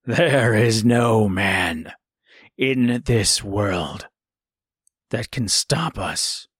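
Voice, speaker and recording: A menacing wolf leader that drags out every word with a low growl, as a man puts him on. His voice sits deep and the delivery is very slow. The recording is dry and close. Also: a bit bright, breathy edge, dry recording, heavily acted.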